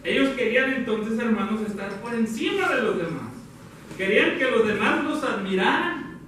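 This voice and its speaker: A high-voiced man preaches a sermon in a church hall, addressing the congregation as brothers and sisters and correcting himself as he goes. His voice is picked up from a distance and rings heavily around the room, with faint ambient noise behind him. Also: animated, fairly bright tone. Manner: addresses listeners as brothers, halting with self-corrections. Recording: very echoey hall, from far off.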